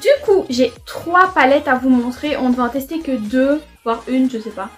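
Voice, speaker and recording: A woman's voice: high voice, normal speed, a bit bright, faint music behind. A young woman casually chatting through a makeup try-on at home, enthusiastic and full of fillers. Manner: chatty, enthusiastic, repeats "franchement" often. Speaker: beauty vlogger. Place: home room near a window.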